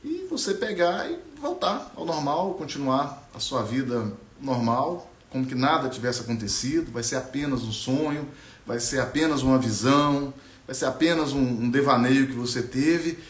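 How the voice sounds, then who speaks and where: A man as a calm old talking bush. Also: mid-range voice, roomy sound, pitched below the performer's own voice, natural voice. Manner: calm, soothing, measured.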